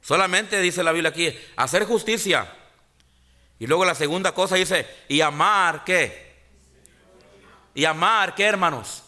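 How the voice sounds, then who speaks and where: A pastor, preaching a sermon in church, often pausing to restart and calling out "hermanos". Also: male voice, high-pitched, bright, forceful tone. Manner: halting restarts and filler sounds. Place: church sanctuary.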